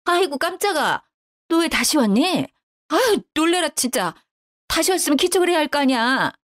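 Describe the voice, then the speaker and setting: A woman's voice: medium pitch, big pitch swings, normal speed, no echo, clean studio sound, natural voice. A woman voicing a grumbling older widowed mother-in-law who talks bluntly and reproachfully. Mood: indignant.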